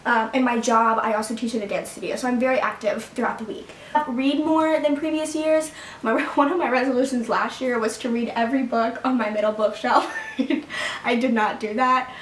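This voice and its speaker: Seated at home, a seventeen-year-old girl rambles casually to camera for her viewers, using many fillers and little laughs. Her voice leans high, with a steady tone and moderate pace. Captured far from the mic in an echoey room, the recording carries a little hiss or hum.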